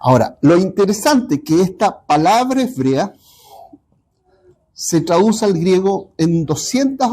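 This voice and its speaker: Slow, halting male Bible teacher. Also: high voice, dark tone. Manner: halting, repeats ¿ya? to check understanding.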